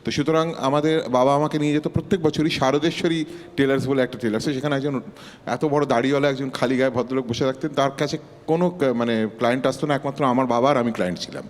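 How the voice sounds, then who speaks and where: A man's voice: medium pitch, fairly even intonation, quick pace. Wistful man, reverberant studio. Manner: wistful, musing, self-deprecating. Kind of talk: reflective casual chat. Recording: long hall reverb.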